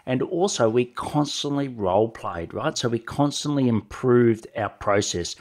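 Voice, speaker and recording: On his solo podcast, a middle-aged man with a head cold speaks a little slowly in an animated, mid-range, nasal voice. As a sales coach, he gives conversational advice directly to the listener, frequently adding "right?" and similar tag questions.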